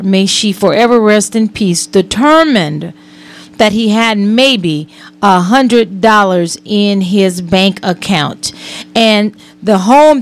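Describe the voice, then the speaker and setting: A woman hosting a radio interview, chatty and hedging as she tells a story. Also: a little high. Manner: chatty, repeats hedging words. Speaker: radio host. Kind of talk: casual interview.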